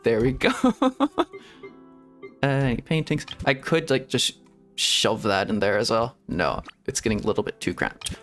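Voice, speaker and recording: With faint music in the background, a male VTuber streamer keeps up a rambling, giggly commentary to himself as he plays. He has a mid-range, slightly bright voice that is very animated and a little slow.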